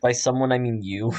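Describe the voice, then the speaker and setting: An artist streaming himself drawing chats casually in a mid-range, slightly mellow voice with no echo. He jokes at his own expense and laughs often while he works.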